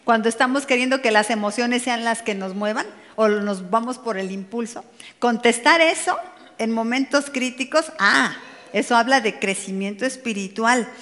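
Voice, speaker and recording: A woman's voice: fairly high pitch, moderate pace, a bit bright. A woman preaching to a women's meeting in a conversational way, speaking directly to her listeners with playful asides. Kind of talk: sermon. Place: church meeting hall. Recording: long hall reverb.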